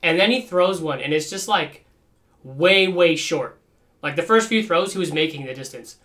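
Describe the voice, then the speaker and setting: A man chats on a casual podcast with a bright, slightly high voice. He swears freely and jokes as he talks, animated and loose. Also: moderate pace. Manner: profane, animated, joking. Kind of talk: casual chat.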